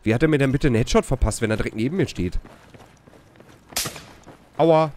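A man streaming a shooter game live, chatting loudly with teammates and complaining about opponents through a headset. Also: medium pitch, brisk. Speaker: livestream gamer. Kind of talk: excited live gameplay chat. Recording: noisy stream with game gunfire behind.

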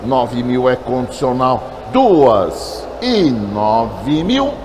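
A man's voice: mid-range voice, big pitch swings, very slow, background noise. A Brazilian man working as an auctioneer, chanting bids in short, repeated number phrases. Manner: repetitive bid calling, clipped number phrases.

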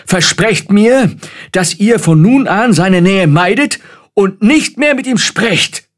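A man's voice: sits high, expressive, takes it slowly, pitched above the performer's own voice. A man putting on a fussy, scolding old royal adviser. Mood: stern. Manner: agitated and scolding.

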